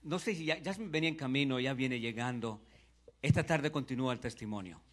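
A man's voice: mid-range voice, a little fast. A man making a short announcement to a church congregation.

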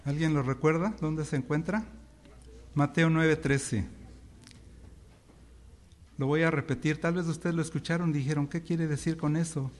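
A man's voice: on the high side, fairly even intonation, normal speed, pauses often. A male pastor delivering an interactive sermon in a church over a microphone, leading the congregation in call-and-response.

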